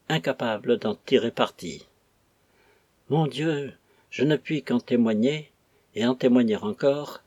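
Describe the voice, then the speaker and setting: A man's voice: medium pitch, breathy edge, dry recording. A man reading a novel aloud, voicing an old, clumsy country priest who pleads with fervent anguish. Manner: pleading, impassioned outbursts. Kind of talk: audiobook reading.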